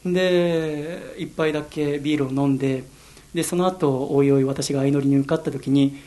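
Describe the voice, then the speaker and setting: A man's voice: on the high side, fairly even intonation, normal speed, warm tone. A young man from Yokohama hosting a solo radio show, telling personal stories in an earnest, reflective way. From Yokohama, Japan. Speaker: radio host.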